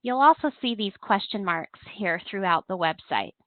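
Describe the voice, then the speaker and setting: Over a thin telephone conference line, a woman presents a semi-scripted instructional webinar on compliance software, explaining each step in turn. Her medium-pitched voice is animated, her pace moderate, and the recording dry.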